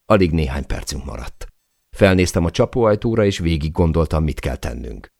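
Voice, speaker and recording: Very deep gravelly male audiobook narrator. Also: lively intonation, dry recording, studio quality. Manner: dramatic reading, shouting out the quoted cries.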